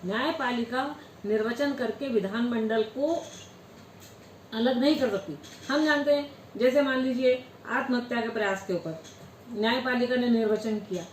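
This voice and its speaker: A woman's voice: fairly high pitch, moderate pace, a little hiss or hum. A woman giving a Hindi law lecture, asking questions and answering them herself. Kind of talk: classroom lecture. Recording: echoey room with faint ambience.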